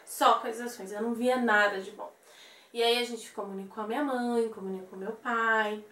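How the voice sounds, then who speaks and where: A young woman telling a personal story in an interview, animated and acting out the voices of the people in it. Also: on the high side, normal speed. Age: young adult. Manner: animated, acts out quoted voices. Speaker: interview guest. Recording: echoey room, voice from a distance.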